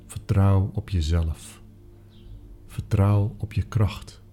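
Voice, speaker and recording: Slow, deep-voiced male meditation guide. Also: fairly even intonation. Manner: slow, soft-spoken, soothing, with whispered phrases. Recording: soft music behind.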